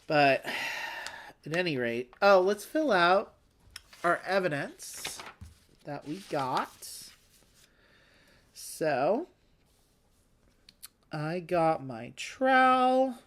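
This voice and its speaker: A woman's voice: fairly low pitch, very animated, extremely slow, long pauses, slight background noise. A woman hosting a casual board game play-along, chatty and self-deprecating, thinking aloud as she goes. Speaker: host.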